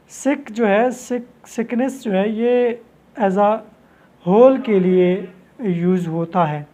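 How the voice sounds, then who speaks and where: A man's voice: high voice, mellow. Man lecturing in speech. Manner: explains at length with restarts, slows to read quotes in English. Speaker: homeopathy teacher.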